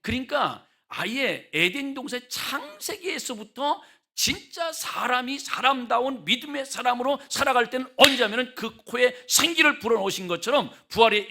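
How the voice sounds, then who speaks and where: A man's voice: high voice, gravelly, sharp tone. A male pastor preaching a revival sermon in a church, emphatic and full of rhetorical questions to the congregation.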